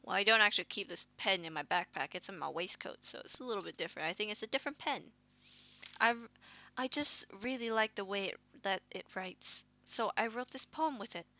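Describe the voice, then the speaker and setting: A woman reading the lines of a shy, intense young visual-novel girl, nervous and halting. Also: mid-range voice, sharp tone. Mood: flustered.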